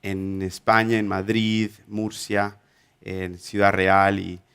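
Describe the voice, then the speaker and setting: A Honduran man in his 20s, a ministry instructor appearing as an interview guest, tells his life story as a personal testimony. His lowish voice is slow, with little pitch movement and a clear, resonant, slightly bright tone, and he hesitates a lot, using many fillers and restarts.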